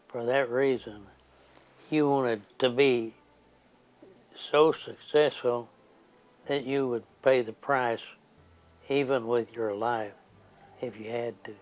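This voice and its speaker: Slow, rambling old grandpa storyteller. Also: male voice, medium pitch, darkish tone. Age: 90s. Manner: rambling, halting old grandpa telling a story, with pauses and restarts. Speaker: war veteran recounting his service.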